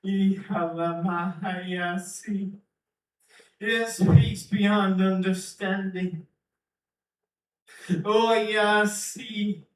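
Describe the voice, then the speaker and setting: A man's voice: high-pitched, fairly even intonation, very slow, long pauses. A man delivering a prophetic utterance in archaic King James phrasing, chanting and repeating himself as he breaks into speaking in tongues. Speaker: preacher. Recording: echoey room from far off.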